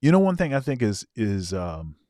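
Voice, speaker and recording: A man's voice: fairly low pitch, very animated, moderate pace, warm tone, no echo, clean studio sound. A man co-hosting a casual reaction show, talking things through and often repeating his words as he explains. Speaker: co-host.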